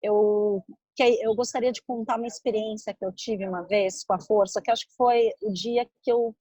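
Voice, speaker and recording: A woman co-hosting a podcast, telling a personal story in a lively, conversational way full of casual fillers. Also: fairly high pitch, breathy edge, dry recording, poor audio. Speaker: podcast co-host.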